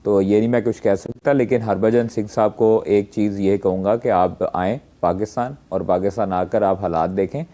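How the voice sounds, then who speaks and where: A man giving a measured TV comment, pausing with fillers. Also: fairly low pitch, fairly even intonation, dark tone.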